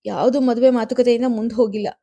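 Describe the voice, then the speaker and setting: A woman voicing an upset young woman in love who talks in a pleading way that turns sharp. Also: on the high side, normal speed, close to an everyday voice. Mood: tearful.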